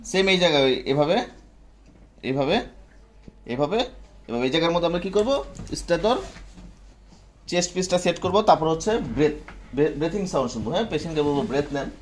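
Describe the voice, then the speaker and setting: A man's voice: on the high side, lively intonation, a little fast, pauses often. A man teaching a medical class, often quizzing students and checking they follow. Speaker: medical instructor. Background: students answering.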